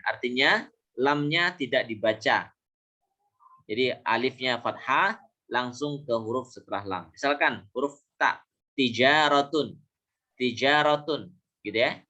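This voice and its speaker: A man teaching Arabic pronunciation in a lesson, repeating example words slowly and correcting himself with small fillers. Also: medium pitch, sharp tone, lo-fi sound. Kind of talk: classroom lesson.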